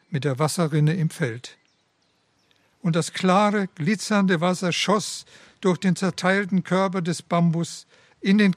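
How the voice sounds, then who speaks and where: A man's voice: high voice, dry recording. A man giving a devotional talk in a solemn, reverent way and reading a story aloud. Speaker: preacher.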